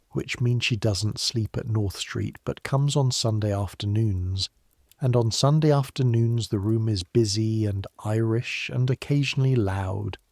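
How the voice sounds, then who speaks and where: A man with a low, gravelly voice tells a history story meant for falling asleep, speaking straight to the listener in a measured, softly grave way. The sound is dry and close, with no room around it. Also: dry recording. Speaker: narrator. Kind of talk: calm second-person history narration for sleep.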